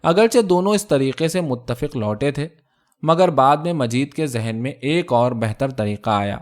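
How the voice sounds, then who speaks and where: A male storyteller reading a translated short story aloud in a measured, even way. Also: medium pitch. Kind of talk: scripted story narration.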